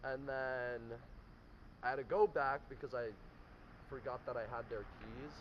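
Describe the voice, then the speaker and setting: A man's voice: mid-range voice, steady tone, measured pace. Young man telling a loose, profane story. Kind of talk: casual storytelling. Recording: dull lo-fi recording with noise.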